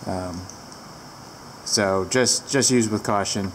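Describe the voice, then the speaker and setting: A woman with a bass voice takes her time giving a casual, rambling product review full of fillers. She's filmed on a handheld camera inside a large barn whose door is open to the wind.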